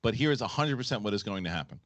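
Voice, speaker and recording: A man's voice: fairly low pitch, expressive, rapid-fire, a bit bright, no room sound. A man hosting a casual live stream, explaining things and often repeating his phrases. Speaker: live show host.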